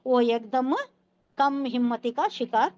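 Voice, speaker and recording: Woman, Quran teacher, high voice, explains word by word, asks students questions, dry muffled sound. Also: little pitch movement, warm tone, no room sound. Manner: explains Arabic word by word, quizzes listeners. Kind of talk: Quran tafseer lesson.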